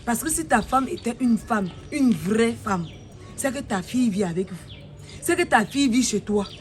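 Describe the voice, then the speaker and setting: A woman with a Cameroonian French accent playing a fed-up mother who argues heatedly and accuses fast. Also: on the high side, expressive, darkish tone, slight background noise, natural voice. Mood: exasperated. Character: exasperated mother, fed up and combative. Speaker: mother in a comedy web series. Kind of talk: comedy web series acting.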